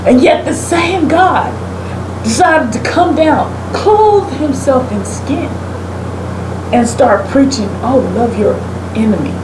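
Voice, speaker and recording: A talk show host with a fairly high voice shares her opinions in a casual conversation, slow-paced but lively in intonation, like an emphatic preacher. She's pointed and leans on rhetorical questions. The room has a roomy echo and clear air-conditioning-like background noise.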